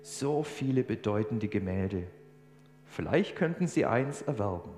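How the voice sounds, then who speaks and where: A man preaching a sermon, telling a story with animated emphasis. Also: fairly low pitch, measured pace, soft background music. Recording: echoey church hall, faint hum.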